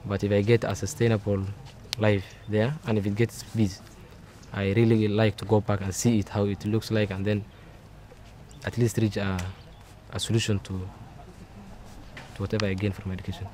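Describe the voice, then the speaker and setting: A man's voice: lowish voice, level tone, normal speed, mellow, slight background noise. A young man answering interview questions earnestly, stumbling over some words. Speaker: refugee.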